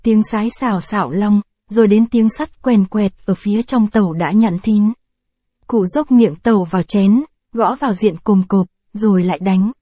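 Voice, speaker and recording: A woman narrating a short story in scripted reading, in an even, measured way. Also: mid-range voice, no room sound.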